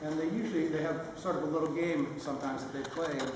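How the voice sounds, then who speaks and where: An older man giving a sentimental, lightly humorous father of the bride speech, halting with pauses mid-phrase. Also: on the high side, steady tone. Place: large reverberant room at a wedding reception. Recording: echoey hall, distant mic, noisy room.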